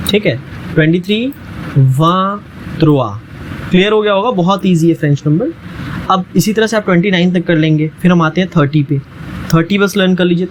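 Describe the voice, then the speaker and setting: A man teaching a language lesson, a little higher-pitched than most men. He repeats each word slowly and patiently and keeps checking that the listener is following. There is faint noise in the background. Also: low-quality recording. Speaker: French teacher. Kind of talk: language lesson explained in Hindi.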